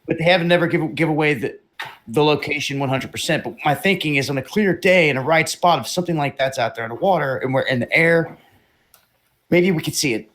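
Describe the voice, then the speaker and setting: A man's voice: on the high side, fairly quick, fairly bright tone. A man hosting a live stream, talking in a rambling, opinionated way about world news and drones, swearing casually. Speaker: livestream host.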